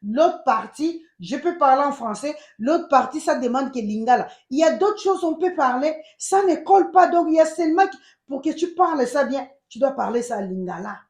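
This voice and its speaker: This U.S.-based channel host, a woman with a Congolese accent, gives animated and emphatic casual remarks while mixing French and Lingala. She speaks in a high pitch at a moderate pace, with reverberation in the recording.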